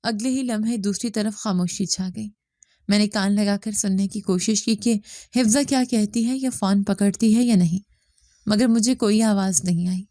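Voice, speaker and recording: A woman reading a scripted story narration in a steady, even manner. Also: mid-range voice, no echo, clean studio sound.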